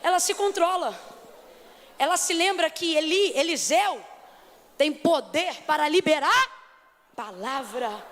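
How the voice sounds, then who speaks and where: A woman preacher from Brazil with a Rio accent, delivering a dramatic sermon and acting out scenes, rising at times to shouts. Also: sits high, expressive, unhurried, pauses often. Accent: Rio de Janeiro Portuguese. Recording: long hall reverb, faint noise.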